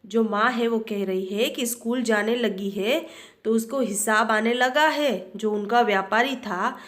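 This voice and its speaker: A woman's voice: fairly high pitch, a little slow. A woman teacher explaining a story lesson to a class, retelling each line and patiently explaining word meanings. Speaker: school teacher.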